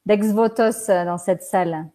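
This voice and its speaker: A woman's voice: medium pitch, steady tone, slow, dark tone. A woman co-hosting a live virtual tour over a video call, asking curious questions and reacting briefly.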